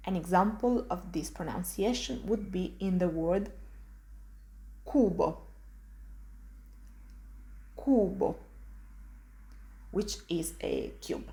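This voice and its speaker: Slow, careful Italian woman teacher. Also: fairly low pitch, warm tone. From Italy. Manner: repeats each sound slowly and clearly. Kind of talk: slow, careful pronunciation lesson.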